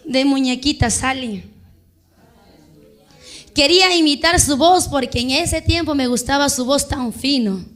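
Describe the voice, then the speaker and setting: A woman's voice: high voice, unhurried, long pauses, fairly bright tone. A woman preacher from Peru, giving a fervent sermon testimony and calling her listeners brothers. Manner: fervent, addresses listeners as brothers, quotes others in dialogue.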